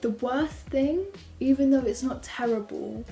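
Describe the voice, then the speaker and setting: Rambling teen girl vlogger, higher mellow voice, casual chat. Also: measured pace, soft background music. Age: teens. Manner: chatty, rambling, filler-heavy, lightly sarcastic. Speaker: student vlogger. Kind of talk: casual sit-down chat to camera.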